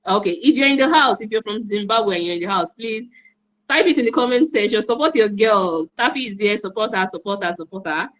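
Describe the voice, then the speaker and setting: A woman's voice: mid-range voice, fairly quick, fairly bright tone, rough recording. Enthusiastic woman hosting online. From Nigeria. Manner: enthusiastic, repetitive, encouraging. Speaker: host and moderator.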